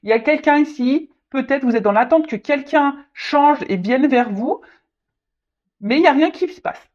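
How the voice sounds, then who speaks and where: A woman's voice: sits high, expressive, darkish tone. A woman giving a casual tarot reading, addressing the viewer directly, often stalling and repeating words. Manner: halting, repeats words, many fillers. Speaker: tarot reader. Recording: slightly dull lo-fi audio.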